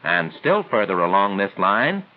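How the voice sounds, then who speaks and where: A man with a rather low, highly animated voice reads scripted instructional narration in the formal, didactic style of a 1940s training film, his phrasing measured. The audio is narrow and tinny, a thin, band-limited 1940s film soundtrack.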